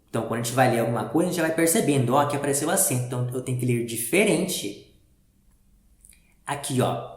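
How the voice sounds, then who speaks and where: A male teacher walks young pupils through a reading lesson, patient and step by step. His pitch rises and falls in a lively way as he quizzes the class. The recording sounds roomy and echoey. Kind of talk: primary school reading lesson. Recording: roomy echo.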